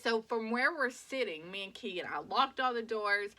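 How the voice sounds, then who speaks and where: Twenties woman, vlogger; animated storyteller, bright tone. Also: on the high side, moderate pace. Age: 20s. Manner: animated retelling with many "like"s and acted quotes. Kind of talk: casual storytime.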